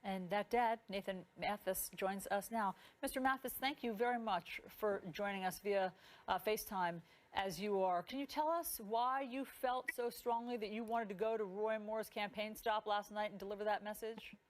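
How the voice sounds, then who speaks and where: Female broadcast news interviewer, medium pitch, articulate, courteous, measured delivery. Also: steady tone. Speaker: television news anchor, interviewer.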